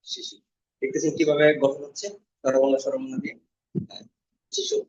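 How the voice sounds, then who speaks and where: A man's voice: medium pitch, a little mellow. A male language teacher leading a class, explaining vowel shapes step by step, repeating each sound and quizzing his students. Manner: asks students questions, repeats sounds slowly. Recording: dull lo-fi classroom recording.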